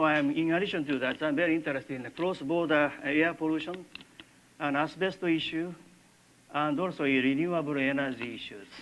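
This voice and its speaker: An older man with a Japanese accent gives a university lecture in halting English, with many filler pauses. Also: a little high, a bit bright, slight background noise, low-quality recording. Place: lecture classroom.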